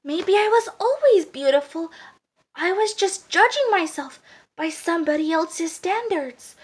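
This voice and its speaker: A woman's voice: very high-pitched, lively intonation, measured pace, voice pushed up. A woman voicing a sad, lonely young male duckling in a storybook reading, recorded on a phone. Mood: amazed. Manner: soft, wistful, storybook-reading. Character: sad lonely young duckling, gray and big, who is a boy.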